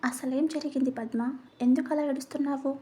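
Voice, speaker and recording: A woman voicing a caring middle-aged husband who speaks gently and consolingly in a narrated story. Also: high-pitched, fairly even intonation, brisk, lightly acted. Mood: gentle.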